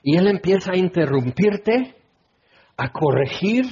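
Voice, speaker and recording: A man preaching a sermon, animated and acting out little scenes in put-on voices. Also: sits high, measured pace, husky. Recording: dull lo-fi recording.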